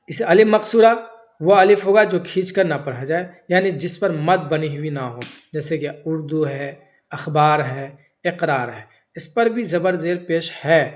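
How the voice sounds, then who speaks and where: A man with a slightly higher voice explains grammar rules in a patient, repetitive classroom manner. He asks questions and answers them himself, stretching words as he spells out examples. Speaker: teacher. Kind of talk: grammar lesson.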